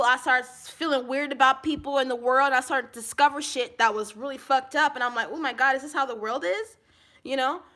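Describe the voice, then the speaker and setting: High-pitched woman ranting to camera, bright sharp voice, angry and cussing a lot, loud then low. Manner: angry, profane ranting with repeated phrases; swings between shouting and low, subdued talk. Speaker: vlogger. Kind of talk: profane venting monologue to camera.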